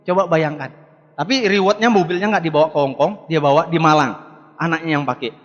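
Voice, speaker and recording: A man in his forties, working as a motivational business speaker, talks fairly quickly in a voice on the high side. He gives an emphatic seminar speech in a large hall, repeating rallying words and addressing the live audience directly, in an echoey, dull lo-fi recording.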